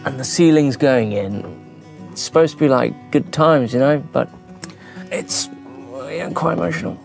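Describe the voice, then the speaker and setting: A man's voice: medium pitch, unhurried, gravelly. A man vlogging casually as he builds out a van, chatty and self-mocking, tired from the work. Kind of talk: casual vlog while building. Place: inside a van under construction. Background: music.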